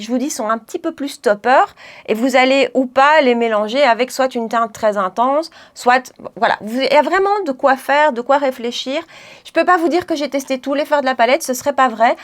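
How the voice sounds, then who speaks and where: A woman chatting through a makeup tutorial, laughing often and correcting herself as she goes. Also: high-pitched. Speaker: beauty vlogger.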